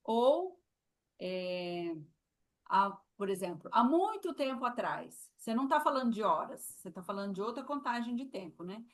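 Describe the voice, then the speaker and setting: A woman with a Brazilian Portuguese accent teaching sign language in a live lesson, slow and patient, demonstrating as she repeats each word. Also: a little high, very animated.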